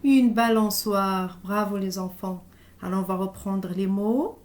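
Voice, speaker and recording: A woman teaching a reading lesson to young children, sounding out letters and syllables slowly and deliberately. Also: medium pitch, steady tone. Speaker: primary school teacher.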